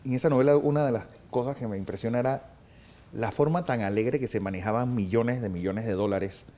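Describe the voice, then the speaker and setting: A man's voice: medium pitch, fairly quick, mellow. A man interviewing a guest and asking direct questions. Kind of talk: news interview.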